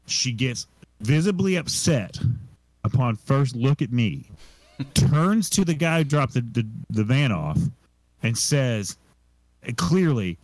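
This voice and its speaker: A man's voice: medium pitch, very animated, slow pace, pauses often, no echo, low-quality recording. A young man and podcast co-host telling a rambling, self-deprecating story in casual chat. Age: young adult.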